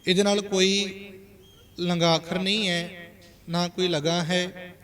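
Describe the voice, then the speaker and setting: A man with a Punjabi accent giving a religious lesson on how to pronounce scripture, reciting verses slowly and deliberately with pauses. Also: sits high, little pitch movement, fairly bright tone. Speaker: Sikh preacher teaching scripture pronunciation.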